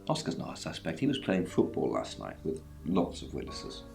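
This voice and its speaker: A weary small-town police chief, with a very deep, gravelly voice that rises and falls a lot. He briefs the player in a dry, matter-of-fact way. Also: huge pitch swings, normal speed, a little mellow, soft background music, exaggerated voice. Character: gruff middle-aged male police chief. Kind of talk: game character dialogue.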